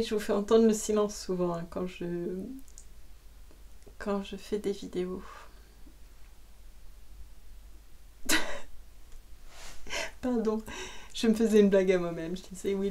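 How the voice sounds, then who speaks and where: A woman who reads books aloud, chatting casually at the end of a reading, soft and rambling, sometimes slipping into whispers, at home. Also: medium pitch. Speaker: audiobook reader. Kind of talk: casual closing chat.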